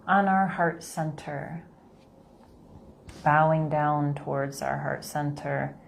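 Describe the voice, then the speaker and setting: A woman leading a guided meditation in a calm, low, unhurried manner. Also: slight background noise.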